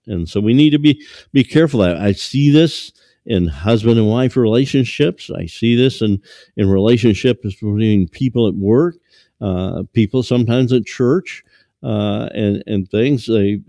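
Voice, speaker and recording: In his sixties, a pastor delivers a sermon from a lectern to a small church congregation. His mid-range voice is dark and mellow, and he speaks haltingly, with many fillers and restarts. A stand mic picks him up close and dry.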